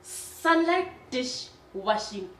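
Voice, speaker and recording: An actress playing a bossy, mocking school teacher who talks slowly and haughtily. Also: female voice, high-pitched, sing-song, a bit bright, full character voice. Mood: stern. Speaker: teacher character in a comedy skit. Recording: echoey room from a distance with noise.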